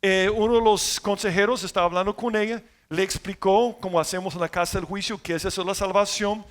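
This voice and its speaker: A man preaching a sermon as pastor, telling stories and swinging between loud emphasis and quiet asides. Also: sits high, steady tone, a little fast.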